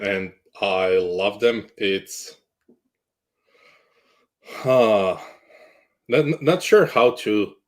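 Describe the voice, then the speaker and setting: A man from Croatia, a guest in a casual interview chat, good-humored and jokey, often restarting his sentences. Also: on the low side. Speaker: guest, cloud architect.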